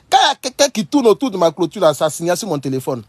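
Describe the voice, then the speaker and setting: A man with a fairly high voice gives loose, animated commentary to his online followers. He circles back over the same phrases and breaks into laughter. The recording is dry and close. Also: racing, dry recording. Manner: animated, repetitive, laughs often while talking. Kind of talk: casual storytelling and commentary to followers.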